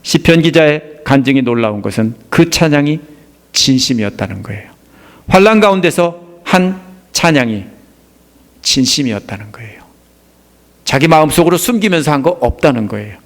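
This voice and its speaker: Speaking at a normal speed, this expressive middle-aged Korean man delivers a sermon as a pastor. He questions his congregation and supplies the answers, his voice climbing for emphasis and then dropping to a soft, low register.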